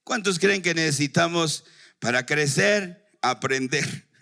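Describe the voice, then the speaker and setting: A man's voice: on the high side, slow, vocal fry, bright, forceful tone. A man preaching a sermon as pastor, who asks the congregation questions and leaves them to fill in the answers.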